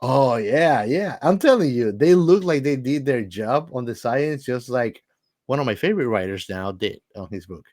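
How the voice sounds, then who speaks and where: A man co-hosts a podcast in casual conversation, speaking with enthusiasm and repeating words to stress them. His medium-pitched voice is expressive, moderately paced and slightly dark in tone. The recording is studio quality, with no room sound.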